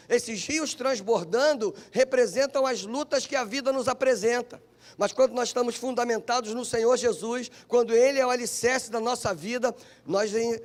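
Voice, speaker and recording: A Brazilian Portuguese-accented pastor delivers a sermon in a very high voice for a man. He preaches fervently, stretching key phrases and repeating them for emphasis. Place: church.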